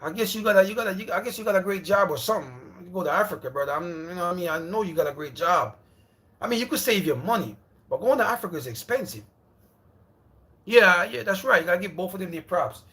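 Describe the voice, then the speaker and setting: Fast, animated and a bit bright, this high voice belongs to a Jamaican man in his thirties running a livestream at home. His talk is loose and rambling, with repeated lines and shout-outs to viewers as brother and bro.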